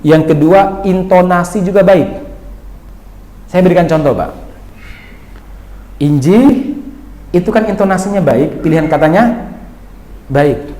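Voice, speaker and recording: A man giving a dawn sermon in a lively, teasing way, asking his audience questions. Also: high-pitched, moderate pace, long pauses, echoey room, low-quality recording. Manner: slips into Javanese phrases. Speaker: preacher.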